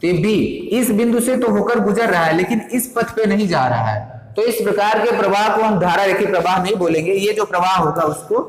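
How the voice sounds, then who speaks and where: A man teaching a lesson in a high voice, explaining patiently one step at a time. He keeps stopping to ask whether his students have understood. The sound is echoey, as if captured in a bare room with a long ring. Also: a little fast. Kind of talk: classroom physics lesson.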